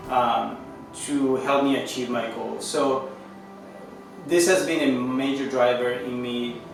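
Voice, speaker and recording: A man in his thirties from Chile, a native Spanish speaker, giving an earnest testimonial as a management consultant, pausing and restarting often. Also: mid-range voice. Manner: earnest, halting, with frequent pauses and restarts. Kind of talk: testimonial interview. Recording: echoey room, distant mic, music underneath.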